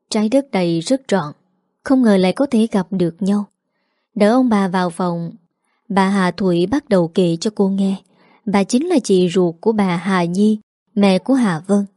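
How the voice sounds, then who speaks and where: A woman narrates a story in a calm, even reading voice. Her tone is mellow and warm, captured close and dry with no room sound. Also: mid-range voice, dry recording.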